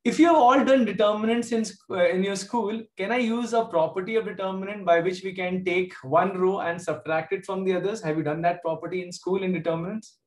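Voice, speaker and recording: Here the South Indian-accented maths teacher has a high-pitched voice and fairly even intonation, moving fairly quickly with hardly a pause. He's giving a live online lesson from a computer in an echoey indoor room, informally asking students questions by name.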